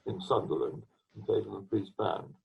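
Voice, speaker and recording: Older man, husky and breathy, rambling storyteller; tinny video-call sound. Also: lowish voice, expressive. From England. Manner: rambling, halting anecdotes with restarts and throat-clearing. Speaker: retired trombonist, interviewee. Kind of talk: storytelling interview. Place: at home.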